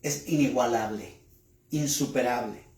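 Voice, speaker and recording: A male pastor delivering a sermon, speaking deliberately, asking rhetorical questions and repeating key words for emphasis. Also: mid-range voice, a little mellow, roomy sound. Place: church.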